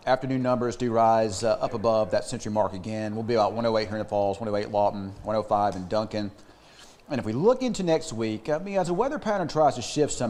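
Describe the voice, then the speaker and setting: A man's voice: medium pitch, a little mellow, a little hiss or hum. A man, a meteorologist giving a folksy on-location weather report, sometimes talking with food in his mouth. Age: 60s. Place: outdoors at a ranch restaurant.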